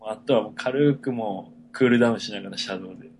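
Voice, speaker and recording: Low-voiced man teasing in casual chat. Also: vocal fry, darkish tone, a little hiss or hum. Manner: teasing, drawn-out casual delivery. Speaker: podcast co-host.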